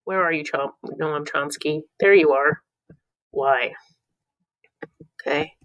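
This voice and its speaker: A woman's voice: low voice, slow, a bit bright, no room sound, low-quality recording. A woman teaching a review lesson, playful, breaking into silly voices for the clues between explanations. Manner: playful, reads clue lines in put-on voices.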